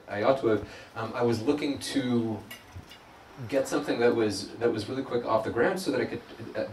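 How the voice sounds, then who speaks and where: A young man giving a casual live demo talk at a tech meetup, rambling and self-deprecating with lots of ums and restarts. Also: fairly low pitch. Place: meeting room at a hack night. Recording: echoey room, distant mic, faint noise.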